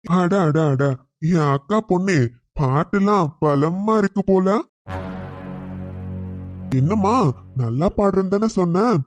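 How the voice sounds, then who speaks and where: A man's voice: sits high, slow pace, pauses often, soft background music. A man voicing a scheming middle-aged uncle in a cartoon, who talks in a coaxing, insistent way. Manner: coaxing, insistent, turns menacing when alone. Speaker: maternal uncle character.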